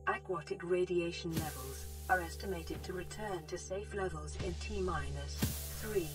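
A woman voicing an emotionless female ship computer that speaks in a flat robotic monotone, announcing system status in a game. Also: lowish voice, measured pace, over music. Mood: detached.

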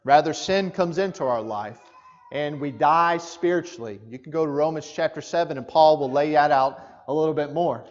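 High-voiced preacher in a reverberant hall. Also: male voice, moderate pace. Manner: conversational, asks the congregation direct questions. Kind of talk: sermon. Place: church sanctuary. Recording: muffled church hall with long reverb.

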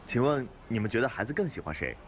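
A man asking people questions on the street in a quick, playful way. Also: medium pitch, big pitch swings, slight background noise. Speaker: street interviewer. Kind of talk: vox-pop questions.

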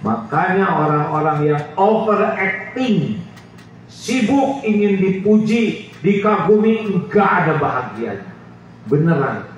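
On an outdoor stage, a middle-aged man with a fairly high voice preaches slowly, joking and firing teasing questions at the crowd. He speaks into a handheld mic recorded by a far camera, so the PA sound is distant, echoey and dull, with a faint hiss underneath.

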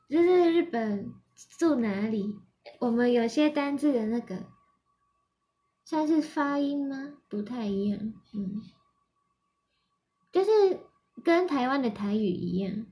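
A young Japanese woman hosting a relaxed livestream, her voice sitting high and her words unhurried. She giggles often, drifts between Mandarin and Japanese, and reads out viewer comments as she goes. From Yamanashi, Japan. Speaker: idol livestream host. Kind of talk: casual livestream chat.

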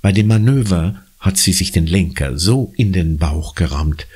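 A man narrating a children's audiobook with expressive storytelling. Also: sits low, measured pace, slightly rough. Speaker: audiobook reader.

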